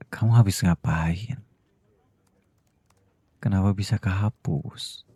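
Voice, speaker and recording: A man voicing a stern boss who is also a doting husband, in a whispered role-play that goes from cold scolding to soft pleading. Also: deep voice, husky, no echo, heavily acted. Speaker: voice actor.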